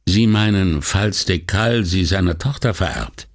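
A man reading a courteous middle-aged detective who asks polite, measured questions. The voice sits a little above the reader's own and has a gravelly texture. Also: deep voice. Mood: questioning.

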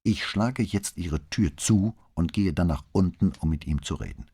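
A man voicing a calm, firm middle-aged police commissioner in a crime audiobook, questioning in a measured way. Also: low voice, husky. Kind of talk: audiobook reading.

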